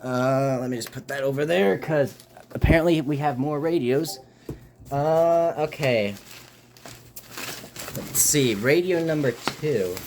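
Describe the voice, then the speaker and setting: At an indoor desk, a host unboxes weather radios during a casual live chat, talking informally, a bit haltingly, with wry exasperation. The medium-pitched voice is a little mellow. A desk microphone set a bit low picks up noise and clicks.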